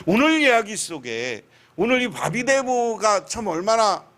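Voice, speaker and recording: A man pastor, preaching a lively sermon that tells a story and keeps asking the congregation questions. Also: high voice, measured pace.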